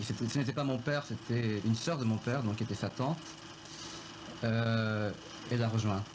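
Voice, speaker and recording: A man recalling his family's story in a film interview, reflective and halting, with many pauses. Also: mid-range voice, noisy background. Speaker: filmmaker recounting his family.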